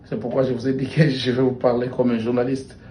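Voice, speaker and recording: A man's voice: medium pitch, flat delivery, fairly quick, mellow, a little hiss or hum. A middle-aged Congolese man, a journalist and writer, speaking reflectively and emphatically in a documentary interview, repeating phrases for stress. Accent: Congolese French. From Democratic Republic of the Congo. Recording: echoey room with faint ambience.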